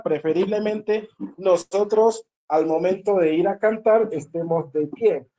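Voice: mid-range voice, warm tone, highs cut off. A singing teacher leading a group voice lesson, explaining patiently, repeating key points and checking in with the listeners.

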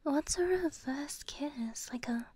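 A woman's voice: high-pitched, slow pace, heavy background noise. A woman live streamer whispering in a casual ASMR stream, thanking viewers by name.

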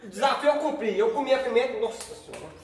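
A Brazilian man chatting excitedly on a vlog, exclaiming as his mouth burns from spicy food. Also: very high-pitched, fast, distant mic, a crowd in the background. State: mouth burning from spicy pepper. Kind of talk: casual chat during a food challenge vlog. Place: covered outdoor kitchen area with bare walls. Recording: echoey reverberant bare tiled room.

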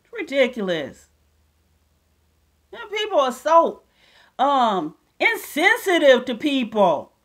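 A woman's voice: high-pitched, wildly swooping pitch, slow pace, long pauses, fairly bright tone. A woman giving ranting, preachy commentary, mocking and combative as she calls out critics and reads scripture. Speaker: self-styled prophetess vlogger.

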